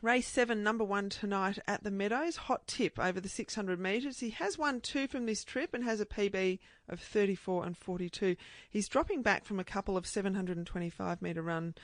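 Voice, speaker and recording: An Australian woman presents sports radio as a co-host, asking questions and reading out racing form. Her pitch is average for a woman. The sound is dry, with no echo. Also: a little fast. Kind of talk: sports radio interview and tipping.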